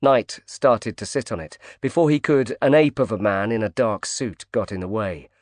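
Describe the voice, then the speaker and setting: A man's voice: fairly low pitch, moderate pace, no room sound, clean studio sound. Man reading a thriller audiobook. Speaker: audiobook narrator. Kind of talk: scripted narration.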